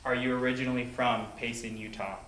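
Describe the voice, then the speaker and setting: A man's voice: medium pitch, fairly quick, far from the mic. A man on a ghost-hunt team, steadily asking spirits yes-or-no questions inside a large old building. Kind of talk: dowsing-rod questioning of spirits. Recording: echoey room with steady background noise.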